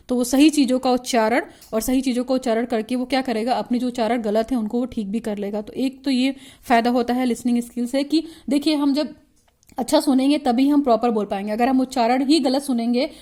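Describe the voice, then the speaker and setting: A woman with an Indian accent teaches in a lecture, her voice sitting a little high but mellow and warm. She reads each point out slowly and deliberately in English. Then she explains it in a patient, conversational way, often pausing to check that her listeners follow.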